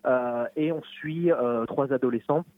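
A man's voice: medium pitch, a little slow. A man, an author living abroad, talking remotely in an interview, hesitant with many fillers and restarts, heard over a phone line. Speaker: author guest.

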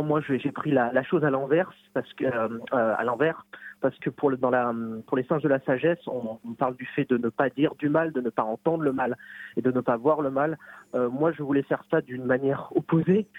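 A man's voice: mid-range voice, a little fast, husky, no echo. A man, an author living abroad, talking remotely in an interview, hesitant with many fillers and restarts, heard over a phone line. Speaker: author guest.

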